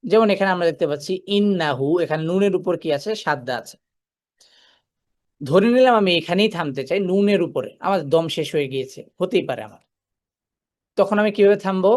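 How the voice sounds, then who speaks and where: A man giving a Quran recitation lesson in a voice pitched a little above the usual male range. He moves through each rule step by step, asking a question and then answering it himself. He slows right down whenever he recites an example verse. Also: expressive, darkish tone.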